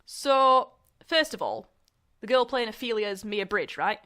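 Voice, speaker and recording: In a comedic audio drama, a young woman plays a university student, one of the young female student journalists and a theatre director sparring, with a condescending air. Her voice is on the high side, animated and slightly slow, bright and forceful.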